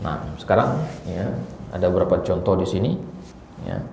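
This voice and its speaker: A man's voice: low-pitched, lively intonation, moderate pace, creaky, mellow. A man teaching an Arabic grammar lesson in a mosque hall, asking the class questions and then answering them himself. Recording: roomy hall echo with faint background noise.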